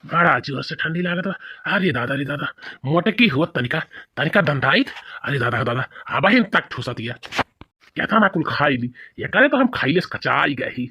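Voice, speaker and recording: A man's voice: fairly high pitch, sing-song, moderate pace, sharp tone, husky, dry recording, heavily acted. A man voicing a thin, complaining old village husband in a cartoon, with a whiny, grumbling manner. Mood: whining. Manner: whiny and grumbling, with rustic dialect. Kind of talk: cartoon voice acting.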